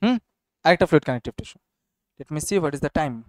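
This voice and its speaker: A man's voice: a little high, expressive, a little fast, no room sound, studio quality. A young man teaching a class casually and often checking whether students follow. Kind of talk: classroom biology lesson.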